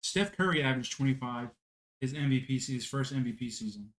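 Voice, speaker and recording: A man's voice: mid-range voice, fast. Roomy-sounding man in casual sports banter. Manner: animated, swears for emphasis. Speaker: podcast co-host. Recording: roomy echo.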